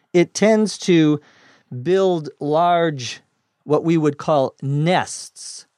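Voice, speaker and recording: A man's voice: fairly high pitch, a little mellow, no room sound, studio quality. A man teaching English vocabulary, explaining words plainly and spelling them out letter by letter. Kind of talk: slow scripted vocabulary lesson.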